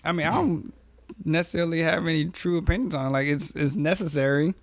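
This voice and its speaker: A man's voice: a little high, fairly even intonation, fast talker, no echo. A man in a casual chat, laid-back and agreeable, with slangy replies. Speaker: podcast co-host.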